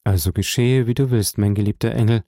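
A man reading aloud plays a grave older nobleman who speaks in a solemn, measured way. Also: on the low side, fairly even intonation, warm tone, dry recording, clean studio sound, lightly acted.

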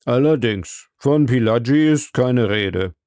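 A man voicing a slow, pompous older male judge in a storybook reading, speaking in a deliberate way. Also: mid-range voice, expressive, darkish tone, no echo, studio quality. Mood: officious. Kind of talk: audiobook character voice.

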